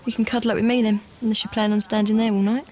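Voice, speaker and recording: A woman's voice: fairly high pitch, level tone, racing, a little mellow, close to an everyday voice. An actress playing an affectionate partner who teases her man. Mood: teasing. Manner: teasing, affectionate. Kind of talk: TV drama acting.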